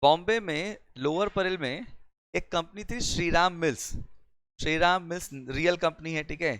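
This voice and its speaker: A man with an Indian accent giving a recorded law lecture, mixing Hindi and English and often asking the class "clear?" as he explains with everyday examples. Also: a little high, normal speed, a bit bright, no echo.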